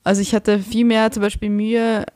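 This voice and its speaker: A woman's voice: mid-range voice, level tone, normal speed, a little mellow, dry recording, studio quality. A young woman, chatting as a guest and animatedly acting out the people she quotes. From Switzerland. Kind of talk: casual conversation.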